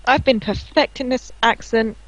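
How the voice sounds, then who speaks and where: A woman's voice: fairly high pitch, moderate pace, muffled recording, slight background noise. A woman co-hosting a live game stream, chatting casually and teasing her co-hosts with a giggle. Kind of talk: casual chat over live gameplay.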